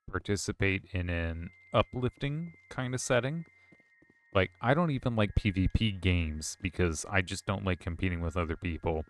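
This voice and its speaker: A man's voice: sits low, bright, forceful tone, clean tone. A man streaming a game, chatting casually with viewers in a rambling, self-correcting way. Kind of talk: casual chat while gaming.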